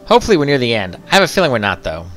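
A man's voice: mid-range voice, big pitch swings, rapid-fire, a bit bright, soft background music. A man hosting a let's-play, musing casually to himself as he plays. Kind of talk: casual game commentary.

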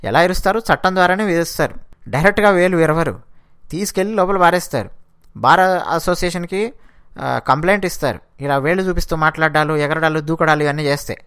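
A man's voice: on the high side, brisk, fairly bright tone, smooth. A man recapping a reality show in casual commentary, opinionated and speaking straight to his viewers. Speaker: show reviewer.

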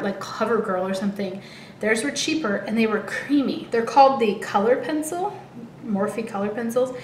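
An American woman in her thirties, a little out of breath, chatting casually to camera as a beauty vlogger in an informal way. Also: a little high. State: out of breath, heavily pregnant. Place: living room at home, indoors. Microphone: camera a short distance away. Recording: roomy echo, light background noise.

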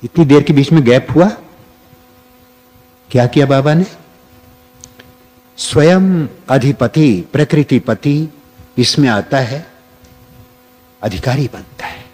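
A man giving a spiritual discourse as a teacher, speaking deliberately with long pauses. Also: mid-range voice, a little mellow.

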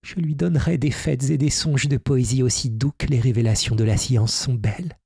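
Male reader doing a raised, ageless storybook fairy woman, insistent and reproachful, husky edge, dry close sound. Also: medium pitch, normal speed, darkish tone, dry recording, voice pushed up. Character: ageless female fairy, proud and pleading. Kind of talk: audiobook character reading.

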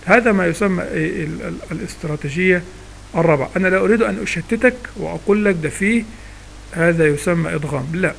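Egyptian man teaching, gravelly high voice. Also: fast, a bit bright, a little hiss or hum. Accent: Egyptian Arabic. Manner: explains step by step, asks himself questions and answers them. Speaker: Quran recitation teacher. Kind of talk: informal spoken lesson.

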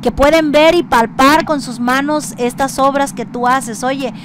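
A woman hosting a radio interview speaks in a high, fairly evenly intoned voice, a little slowly, amid background noise. The conversation is effusive on her side, though her wording hesitates and repeats a lot.

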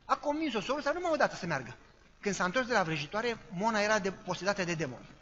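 A man's voice: sits high, lively intonation, a bit bright, slight background noise. A male preacher telling a dramatic story in a sermon, acting out voices and sounds. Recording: dull sound with long hall reverb.

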